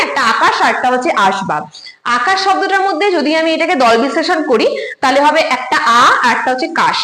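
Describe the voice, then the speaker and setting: Fast-talking woman teacher, echoey room. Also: sits high, a bit bright. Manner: explains step by step, asks the students questions. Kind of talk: online lecture.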